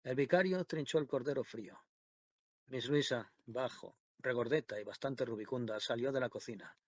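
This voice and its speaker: A man narrating a classic novel in a measured, even audiobook reading. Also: mid-range voice, dry recording. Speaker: audiobook reader. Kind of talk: scripted literary narration.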